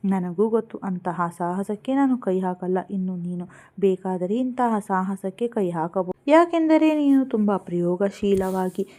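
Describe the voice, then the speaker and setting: A woman voicing a gentle, hurt young married woman who teases her friend softly in a storybook reading. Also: mid-range voice, measured pace, close to an everyday voice. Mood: teasing.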